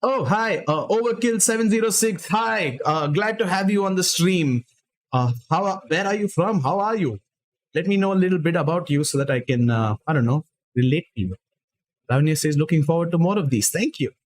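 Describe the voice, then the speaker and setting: A man's voice: high-pitched, animated, normal speed. A young man, host of a live writing stream, chatting loosely with many fillers and reading stories aloud. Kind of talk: casual live-stream chat and story reading.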